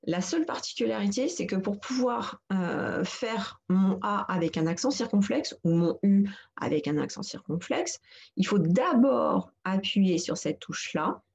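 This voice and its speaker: A woman's voice: mid-range voice, lively intonation, unhurried, creaky, a little mellow, dull audio. A woman teaching a computer lesson for seniors, patiently walking through each step and repeating instructions. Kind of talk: screen-recorded tutorial narration.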